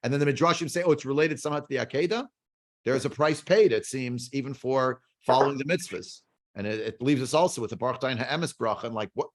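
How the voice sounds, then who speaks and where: A man's voice: medium pitch, fairly quick. Man, Bible teacher, video call, asks rhetorical questions, rambling with fillers. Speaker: Torah teacher.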